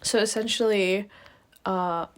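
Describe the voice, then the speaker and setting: A woman's voice: medium pitch, steady tone, slow. A young woman guest on a podcast, enthusiastic and agreeable, thoughtful when explaining, with plenty of fillers. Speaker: guest, camera assistant. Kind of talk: casual interview chat.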